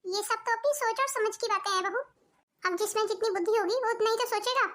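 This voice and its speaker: A woman's voice: very high voice, fast, fairly bright tone. A woman voicing a bossy, doting middle-aged mother-in-law in a cartoon, with a scolding, commanding manner. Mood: stern. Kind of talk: cartoon voice acting.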